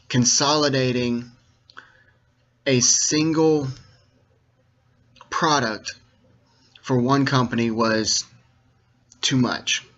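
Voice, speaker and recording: Guy lecturing viewers in a kinda muffled lo-fi recording, deliberate choppy phrasing, leans hard on key words, explains stuff like a teacher. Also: mid-range voice, a bit bright. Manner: didactic, checks that listeners follow. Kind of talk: informal monologue to viewers, lecturing. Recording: dull, lo-fi sound.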